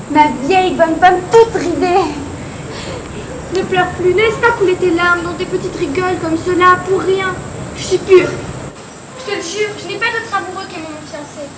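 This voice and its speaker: A stubborn young princess speaks with earnest tenderness in a very high voice, played by a teenage girl. She sounds far from the mic in an echoey hall, with loud crickets and insects behind. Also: noisy background. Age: teens. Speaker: student actor. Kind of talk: school stage play. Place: theatre hall.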